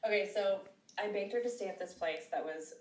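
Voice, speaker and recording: A woman's voice: medium pitch, quick pace, distant mic. A woman around fifty, a podcast co-host telling stories in casual chat and laughing often. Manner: chatty storyteller, laughs often. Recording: echoey room, off-mic.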